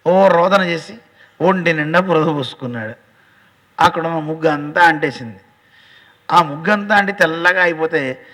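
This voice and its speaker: A man giving a devotional storytelling sermon as a religious teacher, animated, acting out dialogue and addressing listeners directly. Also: fairly high pitch. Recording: long hall reverb.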